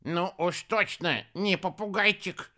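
A man's voice: on the high side, very animated, unhurried, pitched above the performer's own voice, exaggerated voice. A man doing a touchy, grumpy wild ostrich. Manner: touchy and sharp.

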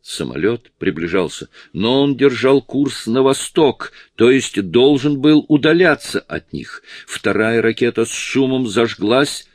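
A man reading a novel aloud in steady, measured audiobook narration. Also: fairly low pitch, no echo, clean studio sound. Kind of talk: scripted narration.

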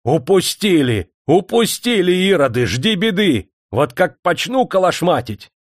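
A man reading an audiobook voices a pompous, fat factory manager who shouts threats. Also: high-pitched, big pitch swings, measured pace, no echo, clean studio sound, voice pushed up, exaggerated voice. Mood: furious threatening.

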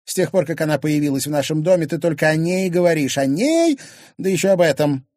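A man reading an audiobook, voicing a jealous, sarcastic rich wife in a high, shrill, accusing voice. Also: expressive, brisk, a little mellow, dry recording, clean studio sound, natural voice. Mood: indignant.

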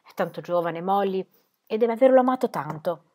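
A woman's voice: medium pitch, lively intonation, fairly quick, darkish tone, lightly acted. A woman reading an audiobook, voicing an old grieving squire who trembles and pleads. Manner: anguished, pleading.

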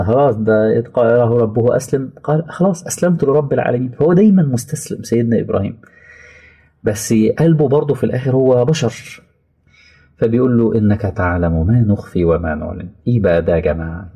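A man with an Egyptian accent preaching a colloquial sermon, moving between slow, quiet reflection and high, pleading acted quotes. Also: slightly rough. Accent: Egyptian Arabic. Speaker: Islamic preacher.

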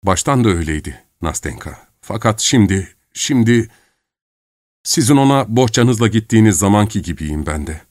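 A man's voice: lowish voice, expressive, moderate pace, a little mellow, no echo, clean studio sound, natural voice. A man reading a novel aloud, giving heartfelt, earnest lines to a lovesick young man. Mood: confessing.

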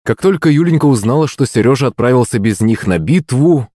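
A man reading a fantasy audiobook as a steady, even first-person narration. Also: mid-range voice, brisk, no echo, clean studio sound.

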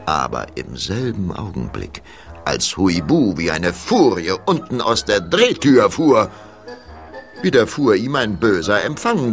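An actor as the storyteller of a children's ghost audio play, narrating dramatically in ornate storybook language. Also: male voice, lowish voice, a bit bright. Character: vivid male storyteller of a ghost tale. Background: music.

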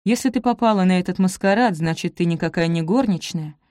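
Female reader as a wounded young nobleman: low, hushed, icy, dry close sound. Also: a little fast, dry recording, close to an everyday voice. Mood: cold, quiet. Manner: quiet and cold, flaring into shouts. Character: young gentleman, hurt and coldly angry.

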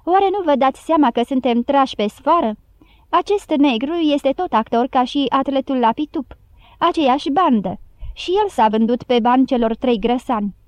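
A woman's voice: high voice, animated, no echo. A woman reading an audiobook voices a ragged, agitated old male beggar who pleads urgently with a crowd. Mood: urgent warning.

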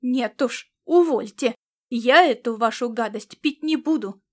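A woman voicing a tall, picky male spy and gourmet who loudly protests and scolds. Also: high-pitched, moderate pace, natural voice. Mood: indignant. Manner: indignant, loud outbursts.

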